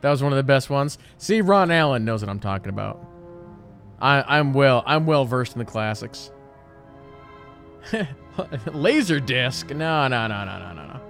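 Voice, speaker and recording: A man's voice: mid-range voice, expressive, a little slow, pauses often, a bit bright. A man in his thirties streaming a game, chatting casually in a joking, self-mocking, rambling way. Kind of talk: casual chat. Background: game music.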